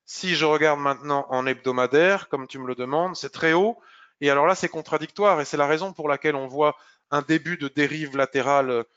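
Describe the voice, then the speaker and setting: A man presenting a live market review, explaining charts while thinking aloud, pausing and clearing his throat. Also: a little high, steady tone, fairly bright tone, highs cut off. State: slightly hoarse, clearing throat.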